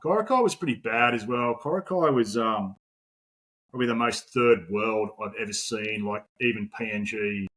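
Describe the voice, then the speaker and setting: Speaking at normal speed in a lowish, slightly bright voice, this Australian podcast guest in his forties keeps the interview casual and conversational. He wanders off on tangents, leans on fillers, and lets slip the odd swear word.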